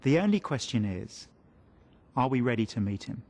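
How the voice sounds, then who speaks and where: A man's voice: mid-range voice, very animated, a little mellow. Earnest man giving a Bible talk. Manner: earnest, measured, reflective. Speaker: presenter. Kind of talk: scripted Bible teaching talk.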